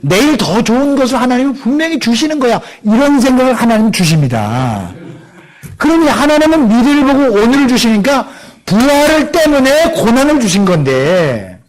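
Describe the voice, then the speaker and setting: A man's voice: extremely high pitch, big pitch swings, normal speed. A middle-aged man preaching a sermon in a church, asking the congregation questions and acting out the voices of people he quotes. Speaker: pastor. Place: church sanctuary.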